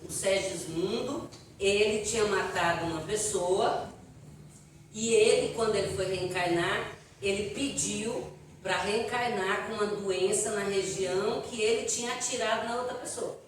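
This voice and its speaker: A woman with a Brazilian accent, giving a spiritist lecture and answering questions in a chatty, animated way. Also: mid-range voice, unhurried, distant mic. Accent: Brazilian Portuguese. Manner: chatty, animated storytelling with audience asides. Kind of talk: live lecture Q&A to an audience. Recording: echoey hall, voice from afar, faint noise.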